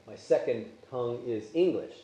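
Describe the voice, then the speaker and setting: The recording, made in an echoey church classroom with slight background noise, features a man teaching Sunday school Bible class. His native language is Polish; his mid-range voice is mellow and expressive at normal speed, and he talks conversationally, questioning the class as he goes.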